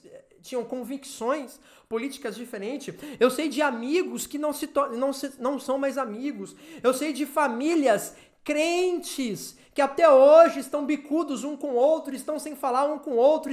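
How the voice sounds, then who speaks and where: A woman pastor with a Brazilian Portuguese accent, preaching a sermon at an online church service, swinging from loud emphatic urging to low, quiet asides.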